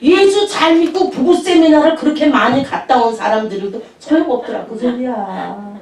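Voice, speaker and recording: A woman's voice: high voice, moderate pace, a little mellow. A woman pastor telling chatty anecdotes in a sermon, laughing often as she speaks. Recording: echoey room, distant mic.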